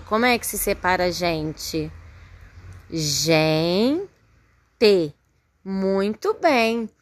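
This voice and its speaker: A Brazilian woman teaches young children, taking her time and breaking each word into careful syllables. She speaks slowly and keeps praising the class. Her voice is close and dry, with no room sound. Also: mid-range voice, fairly bright tone, dry recording. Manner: patient, spells words out syllable by syllable, frequent praise. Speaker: primary school teacher. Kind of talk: recorded remote lesson for young children.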